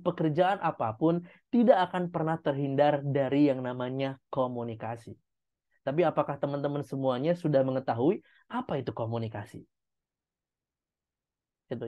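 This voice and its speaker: A man, coaching an online public speaking class and giving encouraging feedback step by step. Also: a little high. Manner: encouraging, explains step by step, with demonstrations. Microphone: video call. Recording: dull video call audio.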